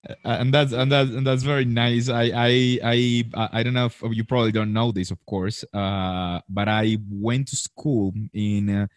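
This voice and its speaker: A man's voice: medium pitch, fairly even intonation, normal speed, no room sound, clean studio sound. A man in his thirties hosting a live interview over a video call, chatty and full of fillers and restarts. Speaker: host.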